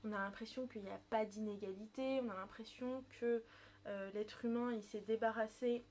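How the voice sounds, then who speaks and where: A woman's voice: mid-range voice, a little mellow, slight background noise. A woman, presenting a book review on her vlog in a chatty way, with many fillers and self-corrections. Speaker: book vlogger.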